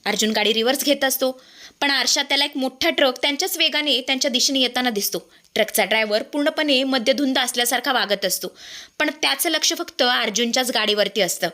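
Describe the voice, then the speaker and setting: A woman telling an episode recap in a brisk, dramatic storytelling manner. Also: high-pitched, pushed and bright. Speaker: serial recap narrator.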